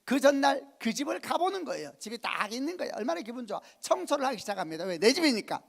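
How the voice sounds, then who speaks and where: A middle-aged male pastor preaching a sermon at a youth camp, telling a story with acted-out dialogue and shouting at the high points. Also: fast talker, gravelly. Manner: animated storytelling, shouting at climaxes, acting out dialogue. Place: church hall at a youth camp.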